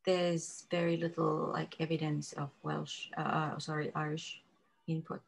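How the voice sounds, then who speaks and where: A woman speaking as a guest in an academic panel conversation over a video call. She answers in a measured way and often fills pauses with "like". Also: low-pitched, little pitch movement, vocal fry, low-quality recording. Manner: measured, uses "like" as a filler.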